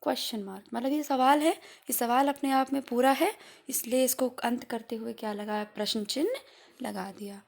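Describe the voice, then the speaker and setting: A woman's voice: sits high, a little mellow. A woman teacher giving a Hindi grammar lesson to young children, explaining patiently and rephrasing each point, with some English words mixed in. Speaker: primary school teacher.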